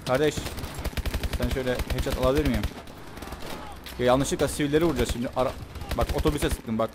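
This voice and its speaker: A young man talks over his shooter game in a loose, joking way, yelping and cursing when the fights heat up. Gunfire and game noise sound clearly behind his mid-pitched voice. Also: fast. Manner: joking, excitable, swears and yelps during fights. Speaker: gameplay commentator. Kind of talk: let's play commentary.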